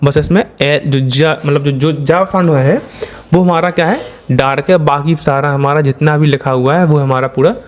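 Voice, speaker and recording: An Indian-accented man talks through a shorthand lesson in a fairly high voice. He works step by step, putting questions to his students and answering them himself in a patient, repetitive classroom manner. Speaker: shorthand teacher.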